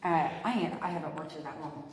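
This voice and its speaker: A woman's voice: deep voice, steady tone, fast. A woman working as a cave tour guide, talking informally and in a folksy way to her group as she shows them around. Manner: chatty, folksy, addresses group as "you guys". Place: inside a large underground cave. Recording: echoing cave with long reverb, faint noise.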